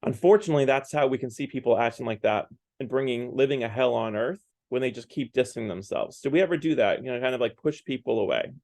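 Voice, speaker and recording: Gravelly-voiced man giving a casual church talk. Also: medium pitch, quick pace, hardly any pauses, darkish tone, no room sound. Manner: conversational, often adds "right?" and "like". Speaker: parish speaker leading a Lent series. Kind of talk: casual Lenten talk on a book.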